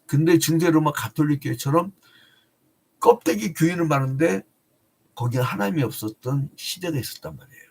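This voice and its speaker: A man's voice: fairly high pitch, animated, fairly quick, creaky, darkish tone, breathy edge. A male pastor preaching a dawn prayer sermon in a chatty way, often asking the congregation rhetorical questions.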